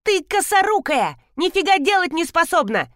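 A woman reader plays a stout, spiteful workshop woman who shrieks her insults high and sharp. Her voice leaps around wildly, and the sound is dry and close. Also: very animated, normal speed, no echo, full character voice. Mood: shrieking anger. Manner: shrill, shrieking. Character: stout middle-aged female worker, shrill, spiteful.

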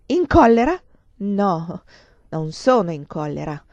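A woman reading aloud, voicing a ruined, desperate man who shouts bitter accusations. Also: mid-range voice, lively intonation, moderate pace, dry recording, natural voice. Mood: furious. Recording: dull lo-fi dry recording.

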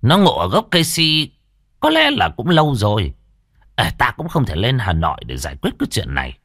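A man voicing a worried old village shaman who hesitates and fills his pauses with drawn-out sounds. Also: medium pitch, huge pitch swings, fairly bright tone, no room sound, studio quality, exaggerated voice. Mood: grave. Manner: hesitant, many drawn-out fillers.

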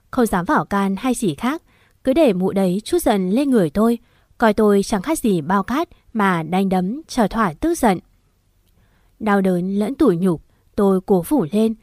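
A woman narrating a scripted first-person horror story in a steady, emotional storytelling manner. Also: medium pitch, dry recording, studio quality.

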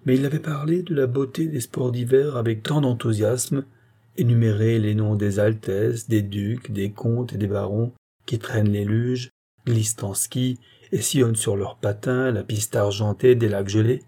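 A man reads a short story aloud in a measured, dramatic way. His voice is dark and mellow, with a husky edge. The telling is scripted and steady. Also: medium pitch. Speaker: story reader.

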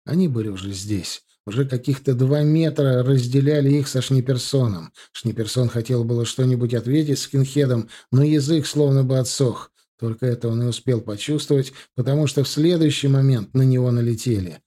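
A man narrating an audiobook in an even, steady way. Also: medium pitch.

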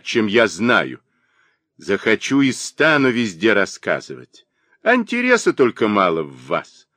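A man voicing a spiteful, gossiping old spinster woman with a shrill, mocking manner in an audiobook. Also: fairly bright tone, dry recording, exaggerated voice.

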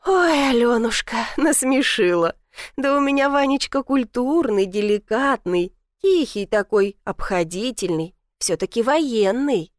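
A woman's voice: on the high side, expressive, measured pace, no echo, studio quality. A woman voicing a teasing, doting old village grandmother who talks in a folksy, sly way.

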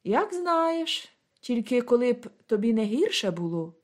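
A woman's voice: on the high side, big pitch swings, a little slow. A woman voicing a stern household mistress who questions a servant curtly, in a storybook reading. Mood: questioning.

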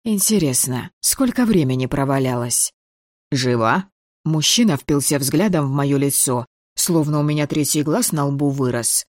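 Measured audiobook narrator, dry close voice. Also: mid-range voice, expressive, darkish tone, no echo. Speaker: audiobook reader. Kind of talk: scripted first-person fantasy narration.

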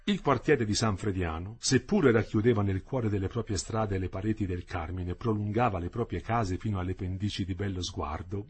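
Husky-voiced man reading a novel aloud. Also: on the low side. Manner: expressive, varied delivery. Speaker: reader. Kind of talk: dramatic literary reading.

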